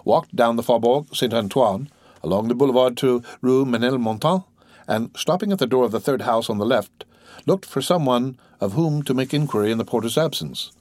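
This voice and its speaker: Man, audiobook narrator, steady measured narration, close studio mic, middle pitch, dry sound. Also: no room sound. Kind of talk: scripted narration.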